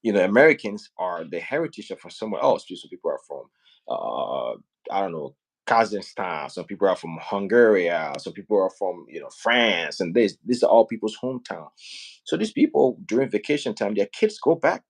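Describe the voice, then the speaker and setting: A man's voice: low-pitched, sing-song, brisk. A man from Liberia, hosting a casual live stream and talking earnestly and persuasively, often checking in with "right?". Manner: earnest, persuasive, often asks "right?" and "you know what I mean?". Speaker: host promoting home building back home.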